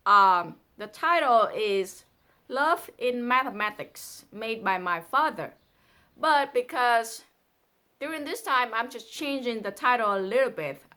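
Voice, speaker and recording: A native Vietnamese speaker with a Vietnamese accent presents a translated poem, reading it casually and tossing in playful, chatty asides. Her voice sits high and sounds pushed and bright.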